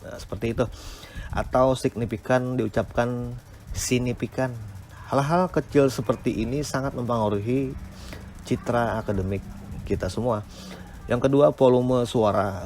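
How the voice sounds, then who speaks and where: A man's voice: medium pitch, a little mellow, a little hiss or hum. A man giving an academic lecture on speaking technique, explaining step by step with frequent hesitant "eh" fillers.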